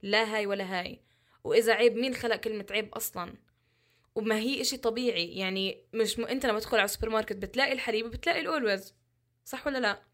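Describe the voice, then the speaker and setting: A woman's voice: fairly high pitch, racing, a bit bright. A woman, speaking as an interview guest in a passionate, emphatic way full of rhetorical questions. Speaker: guest, social media content creator. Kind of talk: candid interview talk.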